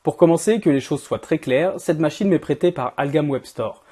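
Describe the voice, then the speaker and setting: Hoarse man, voice strained and giving out. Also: on the high side, normal speed, warm tone. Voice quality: strained, worn-out voice giving out from a cold. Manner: informal, addresses the viewer directly. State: hoarse from a cold and overuse. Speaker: host of an event-equipment channel. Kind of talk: product review to camera.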